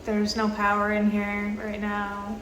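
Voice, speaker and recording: A woman in her twenties talking casually for a vlog, with many pauses and fillers, recorded in a public bathroom. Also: medium pitch. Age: 20s. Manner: halting, filler-heavy, slow and even. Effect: roomy bathroom echo. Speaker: vlogger. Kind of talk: casual travel vlog chat. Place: small tiled public bathroom, indoors. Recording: echoey bathroom with faint background noise.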